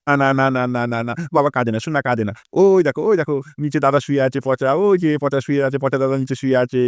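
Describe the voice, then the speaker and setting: A man's voice: mid-range voice, racing, clean tone, no echo, clean studio sound, close to an everyday voice. A man voicing a crude, hot-tempered cartoon father who curses and threatens his son. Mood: angry. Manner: cursing and threatening. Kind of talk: comic Bengali cartoon voice acting.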